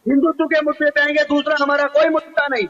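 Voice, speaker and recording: A man's voice: very high voice, little pitch movement, fast talker, highs cut off, noisy background. A man arguing his side as a guest in a heated TV debate, insistent and listing his points one after another. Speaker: political guest.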